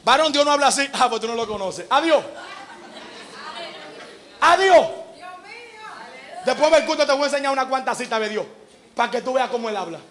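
A man preaching a sermon at a church service, telling a story in an animated way and shouting his emphatic lines. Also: very high voice, normal speed, pauses often, some chatter behind. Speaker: evangelist preacher.

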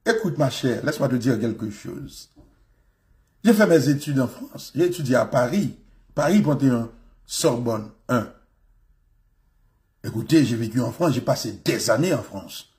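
A pompous politician, put on by a man, speaks in a lowered, self-important voice, haughty and defensive in a comedy bit. His delivery insists and lectures. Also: lively intonation, fast talker, natural voice. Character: pompous male politician boasting of refined French.

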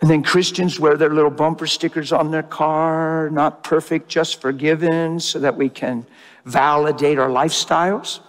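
Animated male preacher in a reverberant hall. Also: on the high side, moderate pace. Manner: animated storytelling, acting out dialogue. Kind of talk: sermon.

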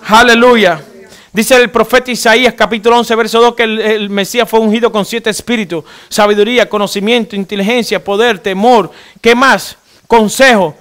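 A fervent male preacher with a high, bright voice, swinging between shouted lines and quiet, low passages. He leads the congregation in repeating phrases back to him. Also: fairly even intonation, a little fast, few pauses. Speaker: pastor. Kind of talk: sermon.

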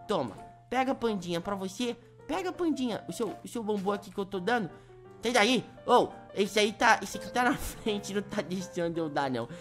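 Chatty Brazilian woman gaming host. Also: medium pitch. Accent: Brazilian Portuguese. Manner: chatty, sighing "ai, ai", cooing at animals. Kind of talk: Minecraft let's play commentary. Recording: faint background music.

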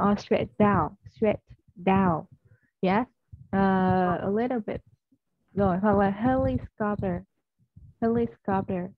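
A woman teaching English online, a Vietnamese speaker who models each stressed word and keeps asking whether her student follows. Her voice sits at a middle pitch and sounds dry and slightly muffled, as if on a video call. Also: no room sound. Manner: coaxing, keeps checking with "yes or no?" and modelling stressed words. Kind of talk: one-on-one online English lesson. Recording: slightly dull, dry audio.

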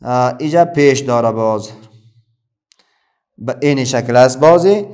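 A man's voice: mid-range voice, a little mellow. A middle-aged man with an Afghan Dari accent teaching a children's reading lesson, patiently asking questions and then answering them himself.

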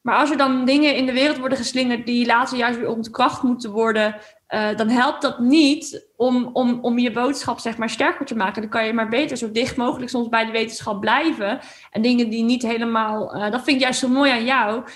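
A woman's voice: a little high, fairly even intonation, fairly quick. A woman from the Netherlands hosting a podcast, asking questions in a chatty way, searching for words as she talks. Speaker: podcast host. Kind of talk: casual interview.

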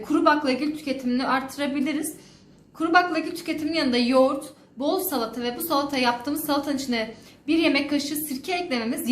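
Give me a high-pitched woman dietitian explaining things formally and quickly, recorded in an echoey room. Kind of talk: informational advice to viewers. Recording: echoey room with faint noise.

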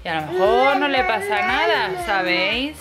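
A young woman from Spain, a mother chatting casually in a vlog, with frequent laughs and soft asides to her baby. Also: medium pitch, animated, normal speed, over music. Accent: Spain Spanish. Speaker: vlogger mother.

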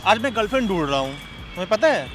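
A man's voice: high voice, very animated, fast. A young man pranking a stranger outdoors, teasing her and reciting playful love couplets. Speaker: prankster host. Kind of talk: street prank banter. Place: outdoors in a park. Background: background music.

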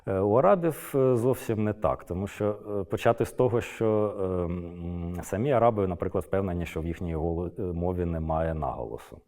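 A man's voice: sits low, fairly quick, dark tone. A middle-aged man giving an unscripted lecture, hesitant, with many filler sounds and restarts. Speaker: Arabist lecturer.

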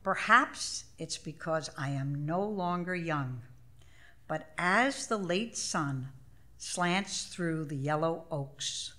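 A deep-voiced woman in her seventies reads her own essay into a stage microphone at a live event on a small theater stage. Slow and measured, she uses wide-ranging, expressive intonation and a dry, wry sense of humor.

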